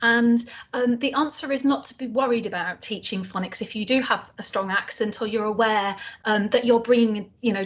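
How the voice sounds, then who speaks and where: A woman's voice: medium pitch, fairly bright tone. A woman from North East England with a North East accent, co-presenting an online phonics teaching session in a chatty, reassuring way with plenty of fillers. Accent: North East English.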